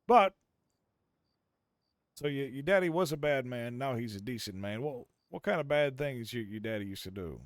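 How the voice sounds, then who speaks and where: A man plays a Californian outlaw's son in a Western role-play game. He has an American accent and a mid-pitched male voice, recorded very dry. His delivery is folksy, reflective and theatrical, repeating phrases for emphasis. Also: animated, moderate pace, dry recording, natural voice. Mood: probing, approving. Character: Old West California drifter, outlaw's son, reflective storyteller.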